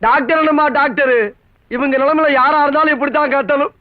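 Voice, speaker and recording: A man's voice: extremely high pitch, steady tone, quick pace, no room sound. An actor playing a wisecracking, sly father-in-law in a comic film with a lo-fi, dry soundtrack.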